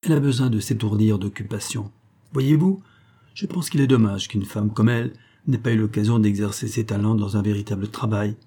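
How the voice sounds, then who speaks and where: A courteous aging bourgeois gentleman, father of the bride, speaks with polite assurance and a raised, brighter lift over a dark, husky base, as a male narrator puts him on. It is a character voice in a literary audiobook. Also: fairly low pitch, fairly quick.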